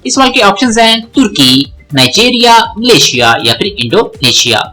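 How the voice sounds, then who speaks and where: Exam-prep reader, bright and animated delivery. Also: mid-range voice, soft background music, poor audio. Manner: reads English questions slowly, then translates briskly. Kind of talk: reading quiz questions and answers.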